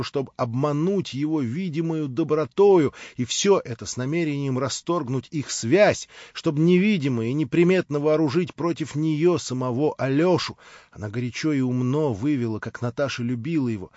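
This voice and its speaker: A man's voice: fairly high pitch, a little mellow, dry recording. Male audiobook narrator, dry sound. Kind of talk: scripted literary narration. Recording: dry, slightly dull lo-fi audio.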